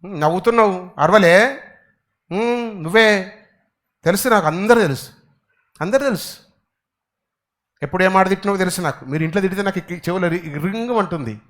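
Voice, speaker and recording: High, bright-voiced preacher man with a lilt. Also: moderate pace, pauses often. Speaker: pastor. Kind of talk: Telugu church sermon.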